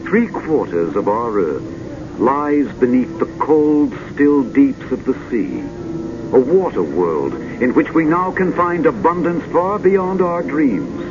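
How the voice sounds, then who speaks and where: A man narrating in a grand, dramatic, measured old sci-fi announcer manner, like a vintage futurist documentary, with drawn-out poetic phrasing. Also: medium pitch, big pitch swings. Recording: dull vintage film soundtrack with music.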